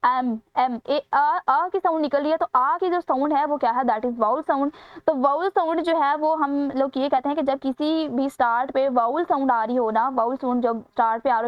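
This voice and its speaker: A woman gives a grammar lesson for exam students. Her voice sits high, and she explains each answer patiently, step by step. The recording is dry and a little muffled. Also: dry recording. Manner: explains step by step, repeats key phrases. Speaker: teacher. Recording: dry, slightly dull sound.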